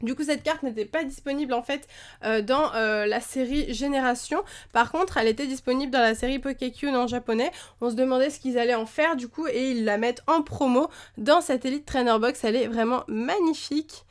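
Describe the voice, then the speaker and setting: High-voiced young woman, chatty unboxing. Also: a little fast. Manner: chatty and enthusiastic, many fillers. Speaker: YouTuber opening trading cards. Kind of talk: casual unboxing chat. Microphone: camera mic, face to camera.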